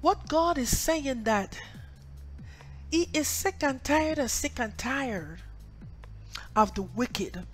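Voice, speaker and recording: A woman preacher delivering a sermon in an emphatic, repetitive cadence, her loudness rising and falling between lines. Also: high voice, expressive, slow, pauses often, faint music behind.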